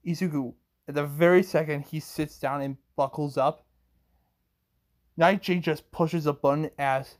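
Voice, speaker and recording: Slow, rambling young-sounding male storyteller. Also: medium pitch, darkish tone. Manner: rambling, chains events with "as", frequent restarts. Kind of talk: improvised fan-fiction narration.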